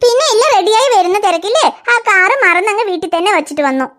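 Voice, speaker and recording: A woman's voice: extremely high pitch, animated, quick pace, a bit bright. A woman voicing a young cartoon mother who coaxes and soothes her crying toddler in a fretful, sing-song way. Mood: coaxing. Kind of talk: cartoon dialogue.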